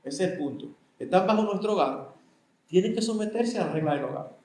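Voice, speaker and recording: Older Dominican pastor preaching in an echoey hall. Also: male voice, high voice, lively intonation, fairly quick, a little mellow. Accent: Dominican Spanish. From Dominican Republic. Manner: conversational, acts out family dialogues with voices. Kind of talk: sermon. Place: church hall.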